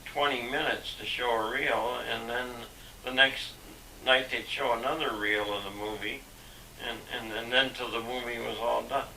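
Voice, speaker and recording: An older man, a father, reminiscing haltingly with many fillers and restarts, on an old VHS home video recording. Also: medium pitch, steady tone, bright, forceful tone. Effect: old VHS home video sound. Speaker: father being interviewed. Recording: echoey, distant, hissy VHS tape.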